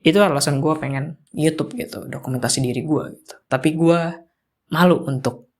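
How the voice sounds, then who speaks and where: A man's voice: on the high side, fairly quick. A twenty-year-old man, talking in an earnest, rambling way, full of filler words, in a reflective vlog monologue. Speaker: vlogger.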